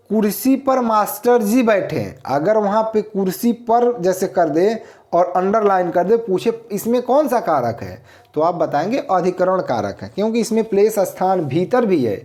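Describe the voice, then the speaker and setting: A man teaching grammar at an unhurried pace. His pitch rises and falls a lot as he poses a question and then answers it himself. He repeats each answer so students can follow. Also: a little mellow. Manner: explains slowly, repeats answers, asks and answers own questions. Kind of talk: grammar lesson.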